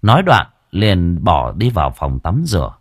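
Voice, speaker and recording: Guy narrating an audiobook, lowish voice, super animated, dry close mic. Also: moderate pace, no room sound. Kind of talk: storytelling narration.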